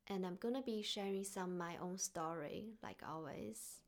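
This woman from China talks a little slowly, her medium-pitched voice carrying a Chinese accent. She hosts a reflective solo podcast in a soft, earnest tone.

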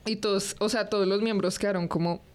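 A woman's voice: medium pitch, fairly even intonation, quick pace, darkish tone, clear, resonant tone. Enthusiastic woman chatting about fans. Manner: enthusiastic, shares fan trivia. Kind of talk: casual chat.

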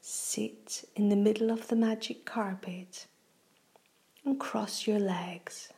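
A woman hosting a children's relaxation show, gently reading a guided meditation in a soft, breathy half-whisper with slow, soothing phrasing. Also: mid-range voice, fairly even intonation.

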